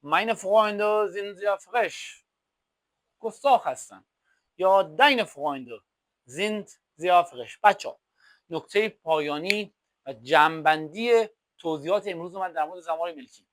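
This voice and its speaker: A male teacher and native Persian speaker explaining German grammar, drawing out example phrases slowly and repeating them as drills. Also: sits high, a bit bright, no room sound. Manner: slow, drawn-out German example phrases between quick explanations. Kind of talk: language lesson explaining examples.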